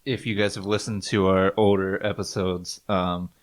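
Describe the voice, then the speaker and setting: Man, podcast co-host, deep voice, dry jokes, casual chat. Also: little pitch movement, normal speed.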